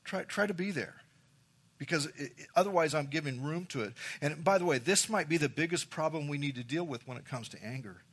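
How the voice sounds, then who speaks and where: A man's voice: a little high, brisk, fairly bright tone, slightly rough. A man preaching a sermon as pastor, emphatic, repeating key phrases and addressing the congregation directly.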